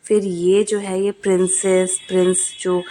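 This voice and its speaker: A woman's voice: lowish voice, level tone, measured pace, dark tone. A young adult woman with a cold, narrating a family vlog in casual chat, with many hesitant fillers. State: coughing, has a cold. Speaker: family vlogger.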